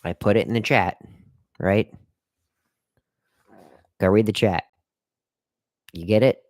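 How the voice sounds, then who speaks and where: A man's voice: lowish voice, slow pace, darkish tone, no room sound. A man hosting a live stream and giving casual career advice to viewers in a rambling, repetitive way, often talking straight to the chat. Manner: rambling, repeats himself, talks straight to the chat; hiccuping and burping at times.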